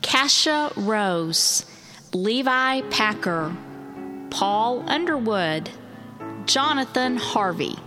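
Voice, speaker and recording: A woman's voice: a little high, animated, over music. Woman reading names through digital echo. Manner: slow, measured reading of names. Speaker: podcast co-host.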